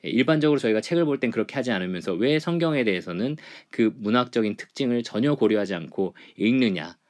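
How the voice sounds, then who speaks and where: A man's voice: medium pitch, animated, fast talker, a little mellow. A middle-aged man lecturing a church Bible class, explaining point by point with frequent fillers. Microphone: writes on a board while teaching.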